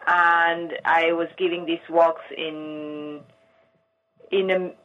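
A middle-aged artist from Argentina, giving thoughtful interview answers and searching for words with frequent restarts. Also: female voice, fairly low pitch, flat delivery, slow pace. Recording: muffled lo-fi line.

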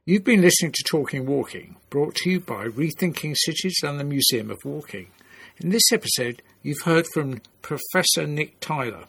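A man hosting a podcast, reading a measured, formal closing announcement. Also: on the high side, expressive, gravelly, a bit bright, breathy edge, no room sound. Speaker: podcast host. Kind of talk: scripted outro narration.

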